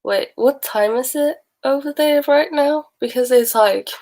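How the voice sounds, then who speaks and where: A young Swedish woman chats casually with her livestream viewers while sick, rambling and laughing often. Her accent is Swedish mixed with Texan, Australian and British bits, and her voice sits high, with a darkish tone and an unhurried pace.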